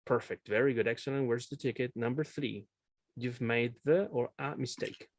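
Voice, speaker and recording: Here a male English teacher speaks a little slowly in a mid-range voice, teaching via video call with slight background noise behind him. He patiently explains, keeps checking whether students follow, and moves between two languages.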